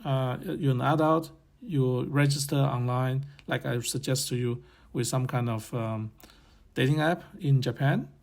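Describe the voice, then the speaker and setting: A man's voice: medium pitch, vocal fry, darkish tone. A man hosting his own channel, giving casual advice in a rambling way, chuckling now and then, with loose phrasing. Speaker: channel host.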